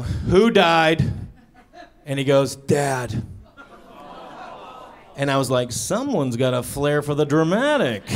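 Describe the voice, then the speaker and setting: A man doing a stand-up comedy set on stage, telling a story with lively delivery and acting out the voices of the people in it. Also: mid-range voice. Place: comedy club stage before a live audience.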